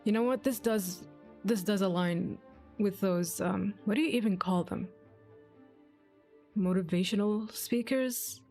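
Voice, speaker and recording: A woman streamer offers casual, sceptical commentary on a game, sardonic and swearing freely, with game music behind her. Her mid-range, darkish voice moves a little slowly, with long pauses.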